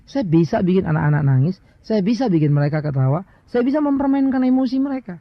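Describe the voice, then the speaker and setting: A man's voice: sits high, lively intonation, quick pace, dry recording. A middle-aged man with an Indonesian accent preaching a sermon as a pastor, telling stories and asking rhetorical questions, with English words mixed in. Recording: dry, dull lo-fi sound.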